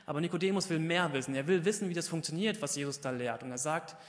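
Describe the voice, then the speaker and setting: A fairly high-voiced man preaches in a church, and his words ring out with a long reverb through the hall. He talks casually, puts questions to his listeners and answers them himself, and grows louder and more emphatic when he retells the biblical dialogue. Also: fast. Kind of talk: Pentecost sermon.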